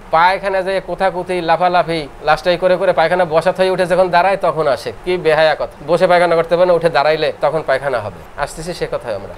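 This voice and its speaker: A middle-aged man from Bangladesh giving a classroom lecture, explaining points over and over and reciting verses slowly in a sing-song way. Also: fairly high pitch, slight background noise. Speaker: homeopathy lecturer.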